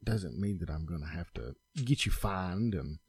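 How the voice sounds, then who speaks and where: A man's voice: sits low, animated, normal speed, breathy edge, dry recording. A man co-hosting a podcast, dropping short blunt remarks. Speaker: podcast co-host. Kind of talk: casual chat.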